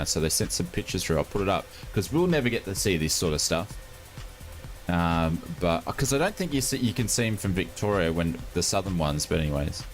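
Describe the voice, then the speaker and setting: A man with a broad Australian accent chatting casually and matily to viewers as a livestream host, informal and given to exclamations. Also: low-pitched. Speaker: live streamer, host.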